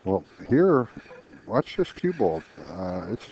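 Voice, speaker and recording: A man's voice: fairly low pitch, sing-song, takes it slowly. A man commentating a pool match in a chatty way, explaining shots with frequent restarts. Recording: dull lo-fi stream audio with faint noise.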